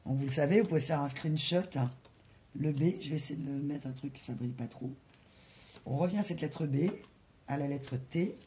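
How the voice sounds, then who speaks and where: A French-speaking card reader giving a spiritual guidance reading, talking slowly with many hesitations and asides to spirit guides. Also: mid-range voice, mellow, slight background noise. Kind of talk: tarot-style guidance reading to camera.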